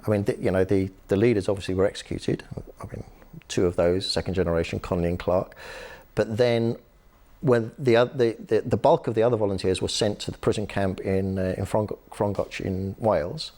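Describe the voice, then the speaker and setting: A man with a fairly low voice recounts historical episodes in a conversational interview. He tells the stories with energy, often pausing on fillers and restarting his sentences. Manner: lively storytelling with frequent fillers and restarts. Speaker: author and human rights activist, guest.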